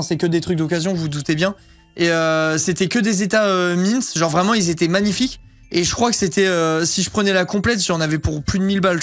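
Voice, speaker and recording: This thirties-aged male streamer chats loosely about things he's bought, swearing freely and padding his talk with fillers and coarse slang. His voice sits high and has a slight brightness.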